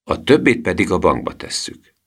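A man's voice: sits low, very animated, fairly bright tone, husky, exaggerated voice. A man voicing a grumbling, dry-humored old grandmother in an audiobook reading. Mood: decisive.

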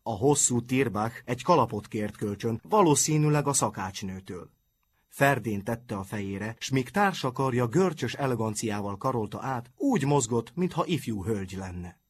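A man narrating an audiobook in an even storytelling manner. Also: mid-range voice, husky.

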